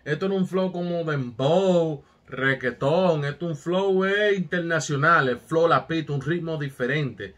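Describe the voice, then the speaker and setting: Male reaction host, slightly high voice, excitable and chatty, keeps addressing his audience. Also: a little slow, few pauses. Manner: hyped, repeats street catchphrases, talks to viewers. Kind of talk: casual reaction commentary.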